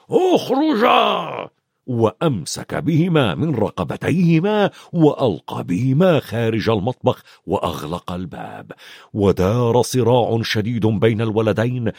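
Gravelly, expressive male storyteller. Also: medium pitch, no room sound, studio quality. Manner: expressive, varied reading with voiced characters. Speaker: audiobook narrator. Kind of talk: storybook narration.

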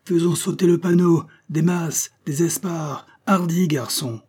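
A man voicing a gruff, bold old sea captain who barks orders in rough sailor slang. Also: fairly high pitch, unhurried, darkish tone, pitched above the performer's own voice. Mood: gruff, bossy.

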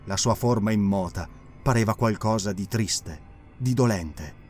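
A man reading an audiobook in a measured, expressive narration. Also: fairly low pitch, soft background music. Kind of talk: scripted dramatic narration.

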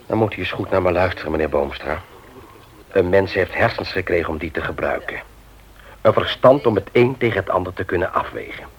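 Low-pitched and fairly quick, a man acts in a Dutch radio play as a stern moralizer who firmly lectures a petty thief with emphasis. The recording is vintage radio, muffled.

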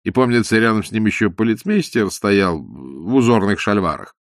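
A man's voice: on the low side, animated, moderate pace, no echo, studio quality. A man voicing a cheerful young con man who talks in an easygoing, sly, good-natured way. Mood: playful.

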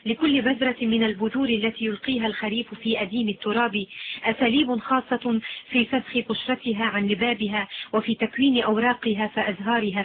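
A calm mystic seer speaks with slow, solemn certainty, as a woman reads her part. The voice sits fairly high. The sound is thin and lo-fi, like a phone line. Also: a little hiss or hum, natural voice.

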